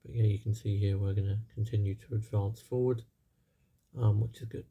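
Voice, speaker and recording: A man's voice: fairly low pitch, steady tone, fairly quick, creaky, dark tone, breathy edge, lo-fi sound. A young man, slightly tired, giving casual, rambling commentary over a strategy game with lots of fillers. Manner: rambling, many fillers and hedges. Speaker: gaming channel host.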